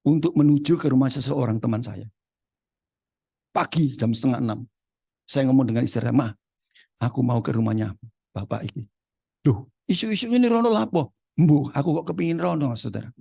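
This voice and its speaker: A man with a Surabaya Javanese accent preaching a testimony sermon in a gravelly, husky voice that sits fairly high. He keeps calling his listeners brothers and breaks into acted dialogue. The sound is dry and close. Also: brisk, long pauses, dark tone, no room sound. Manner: repeats "saudaraku" constantly, acts out dialogue in Javanese.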